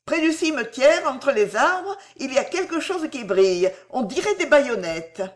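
A narrator voicing an eager, defiant young boy in a high, childlike voice, reading a storybook aloud. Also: sing-song, normal speed.

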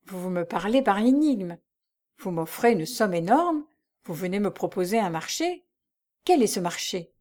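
A woman's voice: medium pitch, animated, moderate pace, a little mellow, natural voice. A woman reading aloud and voicing a poor young working woman who is bewildered at first and then fiercely indignant and impassioned. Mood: puzzled.

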